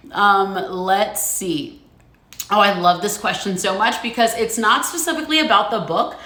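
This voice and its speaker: A woman's voice: medium pitch, fairly bright tone, a little hiss or hum. A woman author chatting casually on a phone livestream at home, rambling and laughing often. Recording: roomy echo.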